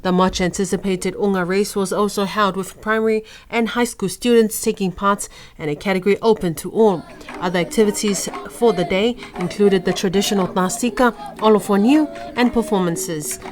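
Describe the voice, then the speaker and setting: A woman presenting the news, reading a script with clear, measured delivery. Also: medium pitch, a little mellow.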